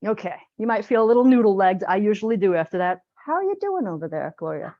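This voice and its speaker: A woman teaching a live group exercise class in a lively, chatty, joking and direct way. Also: medium pitch, quick pace, no echo, highs cut off. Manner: direct, plain-spoken coaching. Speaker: posture exercise instructor.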